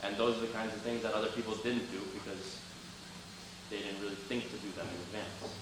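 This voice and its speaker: In a classroom, a young man whose first language is Albanian speaks to students as a guest, then fields questions. His fairly low voice stays level and moves a little fast; he's earnest and motivational and opens loudly. The sound is roomy and distant, faintly noisy.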